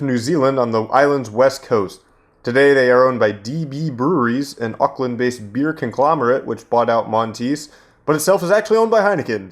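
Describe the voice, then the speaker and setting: A man hosting a casual beer review vlog, chatty and joking in an upbeat way. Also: mid-range voice.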